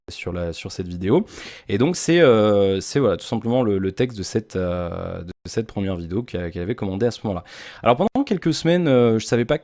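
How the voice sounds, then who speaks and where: A man who works as a voice-over artist, explaining himself to his viewers in a casual vlog, halting and restarting often, with wry asides. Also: deep voice, darkish tone, dry recording, clean studio sound. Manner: direct address to viewers.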